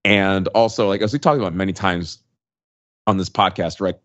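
With a low-pitched, slightly bright voice, a man in his forties speaks at normal speed and fairly even intonation while casually sharing opinions as a podcast panelist. There is no echo; the recording is dull, lo-fi and very dry.

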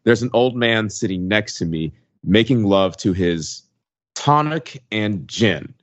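Here a forties-aged podcast panelist offers his views casually and conversationally, his lowish voice moving slowly with lively intonation. The audio has a dull, lo-fi quality and is completely dry, with no room sound.

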